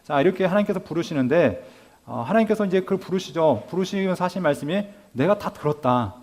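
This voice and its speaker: A man teaching a Bible school class, asking his listeners rhetorical questions and acting out lively quoted dialogue. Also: sits high, fast. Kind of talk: lecture to a class.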